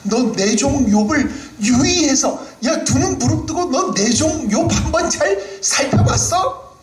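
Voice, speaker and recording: A man voicing God, loudly boasting and challenging, in a sermon. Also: very high-pitched, expressive, takes it slowly, reverberant, faint music behind, pitched above the performer's own voice, full character voice, rough recording. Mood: boastful. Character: God boasting of his servant, loud and commanding.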